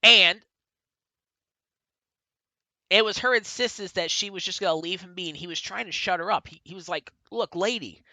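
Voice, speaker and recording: A man's voice: sits high, moderate pace, long pauses, bright, forceful tone, no echo. Man rambling through a casual review. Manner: rambling, self-correcting retelling with lots of fillers. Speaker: book and TV reviewer.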